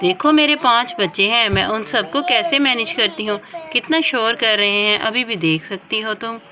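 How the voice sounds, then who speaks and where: A woman voicing a confident mother doll of five who lectures her friend briskly. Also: fairly high pitch, crowd noise, lightly acted. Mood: lecturing.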